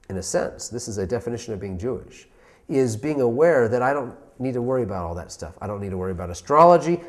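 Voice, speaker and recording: A man, a rabbi, giving an inspirational talk, telling stories and asking emphatic rhetorical questions. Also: a little high.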